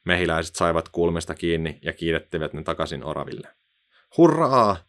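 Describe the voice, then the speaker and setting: Male narrator, low-pitched, expressive children's story reading.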